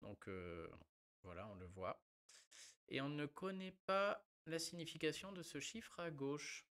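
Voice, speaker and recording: A man's voice: fairly high pitch, lively intonation, measured pace, a bit bright. A man casually talking about card game decks and a giveaway, chatty and full of fillers. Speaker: card game content creator. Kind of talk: casual gameplay commentary.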